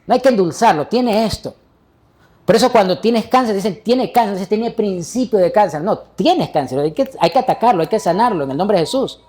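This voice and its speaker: A man's voice: high voice, lively intonation, a little fast, a little mellow. A male pastor delivering a sermon, preaching emphatically and putting rhetorical questions to the congregation.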